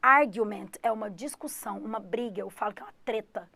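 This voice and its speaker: A woman's voice: medium pitch, fast talker, gravelly, no echo. A woman from Goiás with a Goiás Brazilian Portuguese accent, teaching an online English lesson and speaking straight to her students. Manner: lively, addresses students directly, repeats key words.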